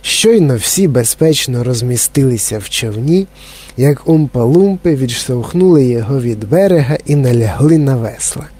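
A man narrating a children's story in a calm, even reading. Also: mid-range voice, normal speed, husky.

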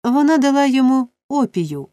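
A woman's voice: high-pitched, very animated, normal speed, mellow, dry recording, studio quality, voice pushed up. A woman voicing a sleepy, smug young informer. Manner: drawling, smug, giggling.

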